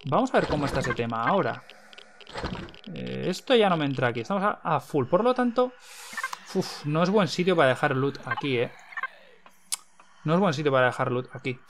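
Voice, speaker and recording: A young man from Spain with a Castilian accent, giving excitable gameplay commentary, repeating words in bursts and swearing when startled. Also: on the high side, brisk, pauses often, a little hiss or hum. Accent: Castilian Spanish. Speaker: gaming YouTuber.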